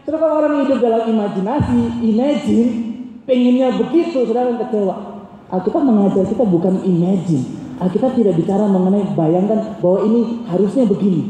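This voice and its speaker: A male preacher giving a sermon at a university service, animated and humorous, talking straight to the congregation. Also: on the high side. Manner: animated and humorous, addresses listeners as saudara. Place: university worship hall. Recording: echoey hall, distant mic, faint noise.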